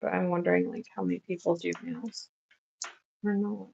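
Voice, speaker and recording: A woman's voice: fairly low pitch, fairly even intonation, moderate pace, gravelly, a little mellow, muffled recording, slight background noise. A woman livestreaming as she does nails, chatting casually in a rambling, easygoing way with lots of fillers. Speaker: nail art livestreamer. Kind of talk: casual livestream chat while working.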